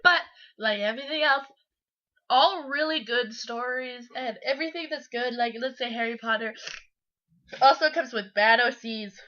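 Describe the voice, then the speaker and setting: A woman's voice: on the high side, normal speed, sharp tone. A sick woman with a congested, stuffy nose, hosting and reading scary stories in a giggly, mock-dramatic way. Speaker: channel host. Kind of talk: dramatic comic story reading. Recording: muffled lo-fi home recording.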